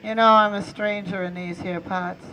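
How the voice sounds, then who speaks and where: A man's voice: high-pitched, steady tone, normal speed, highs cut off. A man playing a brash Old West outlaw in a theme park ride, with a folksy drawl and stagecoach-driver hollering. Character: Old West outlaw bandit hijacking a tram, brash cowboy. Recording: loud music over ride vehicle sound.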